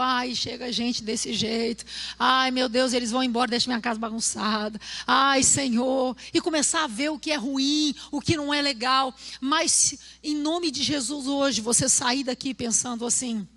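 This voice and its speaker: A woman pastor with a Brazilian Portuguese accent preaching a sermon at a church service, telling stories and acting out quotes, at times rising to a shout. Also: high-pitched, fairly even intonation, moderate pace.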